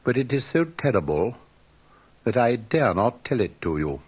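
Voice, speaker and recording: A man voicing a sorrowful old rose tree in a storybook, speaking with slow, solemn, theatrical delivery. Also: medium pitch, very animated, darkish tone, slightly rough. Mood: grave, ominous.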